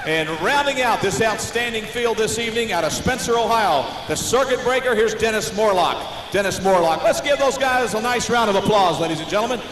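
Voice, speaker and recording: An American man working as a tractor pull announcer, introducing competitors live with showy, drawn-out names. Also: sits high, expressive, crowd noise. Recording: noisy, echoing arena PA with long reverb.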